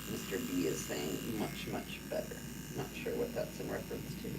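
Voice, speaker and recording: Deep-voiced man reading chat comments. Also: moderate pace, vocal fry, a little hiss or hum, rough recording. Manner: relaxed, reads out comments, laughs along. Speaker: co-host reading viewer comments. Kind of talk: casual livestream chat.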